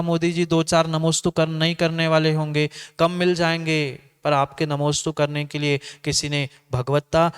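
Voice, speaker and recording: A man's voice: fairly high pitch, clean tone. A man giving a sermon as a monk, exhorting his listeners and repeating phrases for emphasis. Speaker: Jain monk giving a discourse. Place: assembly hall.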